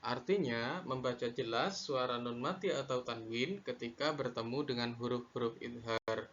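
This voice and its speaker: A man teaching a lesson on Quran recitation rules, slow and deliberate, repeating each definition. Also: medium pitch, fairly bright tone, highs cut off, slight background noise. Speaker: religious studies teacher.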